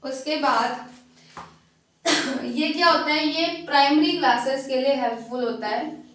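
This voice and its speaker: High-voiced woman teacher in an echoey room. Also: unhurried, fairly bright tone, distant mic. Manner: explains step by step, repeats key terms, corrects herself. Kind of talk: exam prep lesson. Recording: echoey room, voice set back from the mic.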